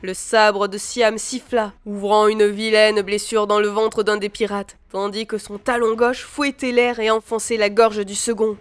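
A woman reading a fantasy novel aloud as an expressive storybook narrator. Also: mid-range voice, a little slow, few pauses, clear, resonant tone. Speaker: audiobook reader. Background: soft background music.

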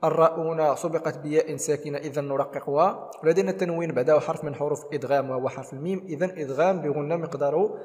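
Male recitation teacher, fairly high voice, methodical step-by-step explanations, long reverb. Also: fairly even intonation, racing, darkish tone. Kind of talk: tajweed lesson with demonstrations.

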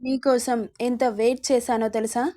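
Spoiled jilted young woman, read by a woman, accusing, flat. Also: a little high, normal speed, natural voice. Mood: angry. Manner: accusing, complaining.

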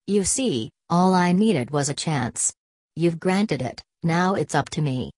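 A woman's voice: sits low, animated, slow pace, a little mellow, slightly rough, no room sound, full character voice. A woman reading an audiobook, voicing a nervous young man giving an oratorical speech to a crowd. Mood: self-deprecating. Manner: oratorical, building rhetoric. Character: nervous young male speaker rousing a crowd.

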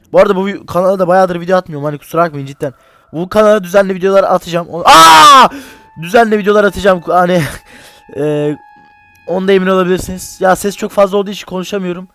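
A young man with a fairly high voice playing a horror game, jumpy and joking, who bursts into yelps and curses when startled. His voice is recorded close and dry, with no room sound. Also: fast talker, no echo. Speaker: gaming channel host. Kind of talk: unedited horror gameplay commentary. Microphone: desk mic, separate from game audio.

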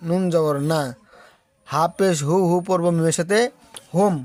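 A man's voice: a little high, steady tone, unhurried, a little mellow. A man teaching Quran reading from Bangladesh, spelling out Arabic letters one syllable at a time and drawing out the long vowels. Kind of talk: slow spelled-out recitation lesson.

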